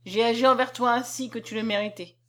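A woman's voice: fairly high pitch, fairly even intonation, fast, fairly bright tone, close to an everyday voice. A woman reading aloud, voicing a proud, bitter older woman who commands and defies her husband. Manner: commanding, cutting, defiant.

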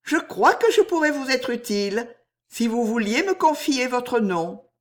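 A woman reading aloud voices a spirited young noblewoman with a clear, mocking manner. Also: a little high, big pitch swings, unhurried, pitched above the performer's own voice. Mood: gentle.

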